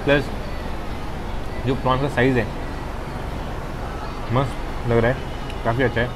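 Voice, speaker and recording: A young man speaks in a relaxed, unhurried way as he tastes dishes, stopping now and then to chew and hum. His voice sits at a medium pitch. A clear outdoor hum with traffic runs under the speech. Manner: relaxed, savoring, pauses to chew. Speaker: food vlogger. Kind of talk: casual food tasting vlog. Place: outdoor rooftop restaurant terrace. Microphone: lapel mic. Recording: outdoor noise in background.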